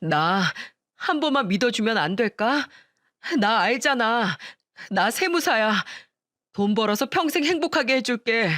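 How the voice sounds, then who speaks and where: A woman's voice: fairly high pitch, animated, unhurried, a bit bright, no echo, clean studio sound. A woman doing a whiny, pleading young fiancé. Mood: begging. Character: pathetic lying young male fiancé, tax accountant.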